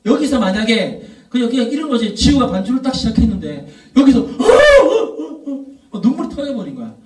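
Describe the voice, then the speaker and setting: A youth pastor in his thirties gives an animated sermon. His voice sits very high for a man. He sounds a little far from the mic in a roomy, echoing church hall. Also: fast talker. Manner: storytelling, rising to emphatic repeated questions. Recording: echoey room, voice from off mic.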